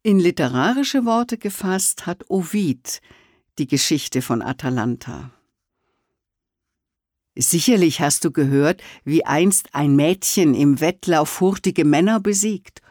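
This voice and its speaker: A reader reciting old verse in a measured, solemn way. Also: mid-range voice, animated, darkish tone, no room sound, clean studio sound. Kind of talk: slow verse reading.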